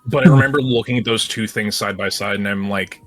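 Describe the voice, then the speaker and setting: Wry low-voiced man talking games. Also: a little fast, fairly bright tone, dry recording, soft background music. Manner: wry, blunt, sometimes profane. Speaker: podcast co-host. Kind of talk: casual chat about video games.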